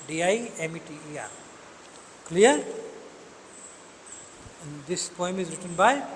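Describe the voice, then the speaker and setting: Slow, deliberate teacher. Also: male voice, high-pitched, a bit bright, in a large hall, slight background noise, low-quality recording. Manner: mixes Hindi and English, checks understanding often; slow, deliberate, spells words out. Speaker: English literature teacher. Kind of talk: classroom poetry lecture.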